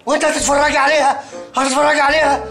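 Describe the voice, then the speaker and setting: Stoned, panicking egyptian young guy, high bright whiny voice, fast gasping, faint music. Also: little pitch movement. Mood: panicked. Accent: Egyptian Arabic. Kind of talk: sitcom acting.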